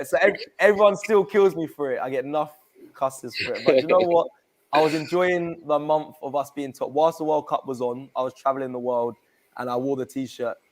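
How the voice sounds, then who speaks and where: A young Englishman, a regular guest on a football fan channel, chats casually in a lively, slangy way and laughs easily. His voice is medium-pitched and he talks a little fast.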